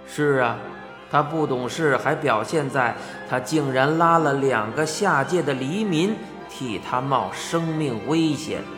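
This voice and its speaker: A storyteller voicing a frank, genial male sky emperor god in an audiobook, with a deep, gravelly drawl. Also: measured pace, over music. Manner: frank and easygoing. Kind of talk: audiobook character voice. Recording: echoey hall reverb.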